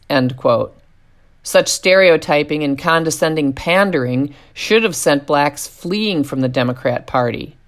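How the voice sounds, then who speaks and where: Sarcastic low-voiced woman commentator. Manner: sarcastic, mocking delivery. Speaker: political commentator. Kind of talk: scripted political commentary.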